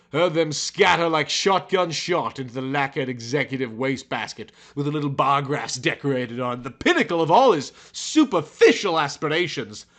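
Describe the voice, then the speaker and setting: Reading fiction aloud as a dramatic narrator, this man has a medium-pitched voice that sounds pushed and bright. His theatrical, emphatic style suits the overwrought scripted narration.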